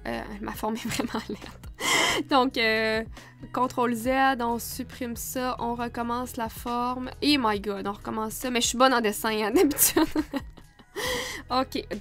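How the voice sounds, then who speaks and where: A young woman with a Quebec French accent gives a casual tutorial in a fairly high voice, chatty and quick to laugh. A little quiet music plays underneath. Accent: Québécois French. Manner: chatty, laughs often, many fillers. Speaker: photographer teaching Photoshop. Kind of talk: casual screen-recorded tutorial.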